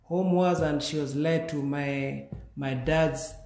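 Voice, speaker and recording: Measured Kenyan-born man in an echoey room. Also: a little high, fairly even intonation, creaky, darkish tone. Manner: slow, measured, with pauses and restarts. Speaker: guest. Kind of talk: telling his life story.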